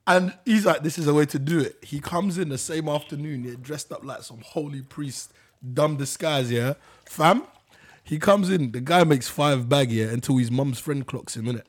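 Young London male, husky and high, very lively, slangy podcast storyteller who swears freely. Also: moderate pace. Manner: heavy slang and swearing, animated joking. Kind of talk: casual banter and storytelling.

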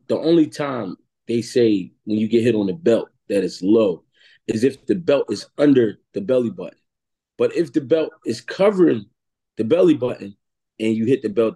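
A man's voice: medium pitch, mellow, husky. A man, a guest on a podcast, explaining things plainly in casual conversation. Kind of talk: casual interview chat.

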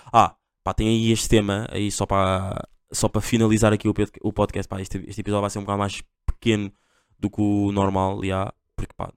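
A man's voice: lowish voice, clean tone, no echo, clean studio sound. A young man with a Portugal accent hosting a casual solo podcast, rambling in slang with constant fillers. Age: young adult. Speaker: podcast host.

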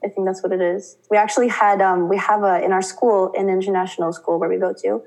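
A young woman from Russia, a student guest, chatting and acting out quotes in lively voices. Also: quick pace, low-quality recording. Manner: chatty, acts out quotes with lively pitch jumps. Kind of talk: casual interview talk.

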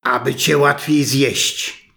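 A man voicing a sly, hungry male wolf in a read fairy tale, with a slow, coaxing manner. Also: mid-range voice, fairly even intonation, creaky, pushed and bright, full character voice.

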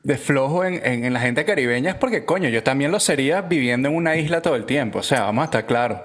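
Lively-voiced man with wry asides. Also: medium pitch, fast. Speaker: podcast guest. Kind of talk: casual podcast chat.

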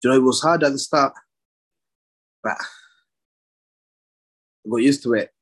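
A man's voice: medium pitch, a little slow, fairly bright tone. A young man from Somalia, a professional boxer, giving short plain answers in a casual interview and laughing often.

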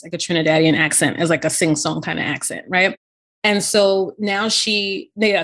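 A middle-aged woman and podcast co-host, telling a personal story in an animated, digressive way and often checking in with her listener. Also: lowish voice.

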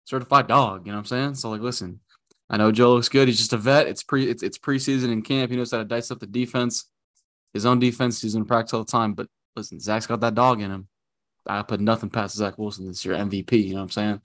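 A man's voice: on the low side, fairly even intonation, quick pace. Hyped man joking about football. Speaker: podcast co-host. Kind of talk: casual sports chat.

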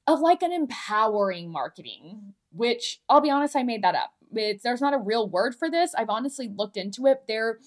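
On her candid solo podcast, a marketing coach with a lisp talks in a frank, emphatic, conversational way, swearing freely. Her voice is a little high, with lively intonation and a moderate pace.

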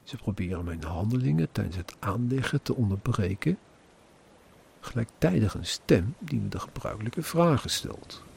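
Gravelly, low-voiced man telling his story. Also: expressive, moderate pace, darkish tone, a little hiss or hum. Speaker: narrator of his own experiences. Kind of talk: personal narration.

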